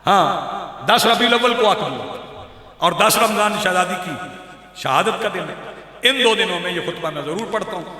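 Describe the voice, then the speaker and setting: A man preaches in Urdu with a Pakistani accent, his voice pitched very high and sharply bright. He calls out to people in the crowd and swells into emphatic recitation. The sound rings through a heavily echoing space with a long reverb tail. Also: expressive, normal speed, pauses often. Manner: addresses listeners by name, rising to emphatic recitation. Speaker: Shia cleric giving a majlis. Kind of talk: sermon. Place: large outdoor gathering with PA. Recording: echoey, reverberant public address sound.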